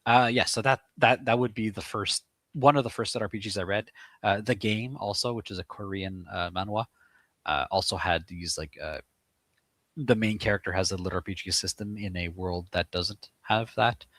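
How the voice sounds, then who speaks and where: A man's voice: on the low side, moderate pace, a bit bright, no room sound. A man from Eastern Canada with a Quebec English accent, a guest author chatting casually in an interview with many fillers and restarts.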